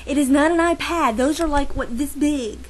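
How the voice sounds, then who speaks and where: A teenage girl vlogging into her camera with a fairly high voice. She rambles and rants with a sarcastic edge, breaking off and restarting her thoughts as she goes. Her talk stays casual and loose. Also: moderate pace, low-quality recording. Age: teens. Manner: sarcastic, rambling, self-interrupting. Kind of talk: casual ranting vlog.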